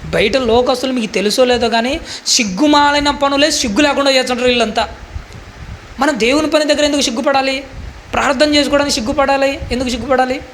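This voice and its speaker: A man's voice: very high-pitched, quick pace, fairly bright tone, a little hiss or hum. A male preacher giving a sermon in a fervent, pleading manner, full of rhetorical questions.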